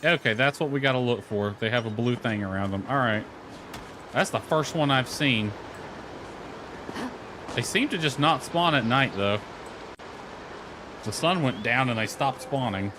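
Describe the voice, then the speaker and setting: This game streamer's commentary is casual and live, mostly him thinking aloud and muttering in mild exasperation. His mid-range voice is animated yet a little slow, with frequent pauses, and the background is clearly noisy.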